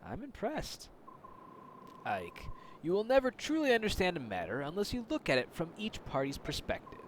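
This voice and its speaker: A man voicing a calm, cryptic older sea captain, speaking in a measured, formal way with a loosely improvised accent. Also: high voice, slight background noise. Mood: solemn. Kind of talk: reading game dialogue aloud.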